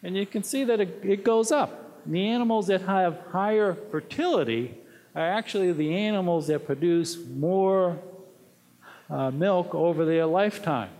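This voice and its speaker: A man's voice: sits high, darkish tone. Man presenting in a reverberant hall. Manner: halting, many filler words. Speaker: conference speaker on dairy genetics. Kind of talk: technical presentation.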